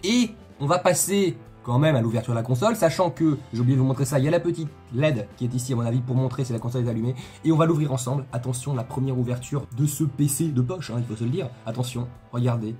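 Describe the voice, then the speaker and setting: A man's voice: medium pitch, fast talker, dark tone, faint music behind. A man hosting a casual unboxing video, chatty and joking, often repeating himself and talking straight to his viewers. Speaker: tech video host.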